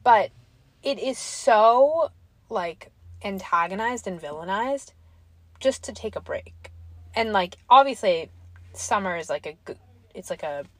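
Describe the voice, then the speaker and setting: A woman's voice: medium pitch, lively intonation, unhurried, dry recording. A young woman co-hosting a casual podcast, her talk spilling out in long runs padded with "like" and restarts. Her voice is a touch worn, and the recording is dry and close. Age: young adult. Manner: rambling, filler-heavy, lots of "like". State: slightly losing her voice. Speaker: podcast co-host. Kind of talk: casual chat. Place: quiet street.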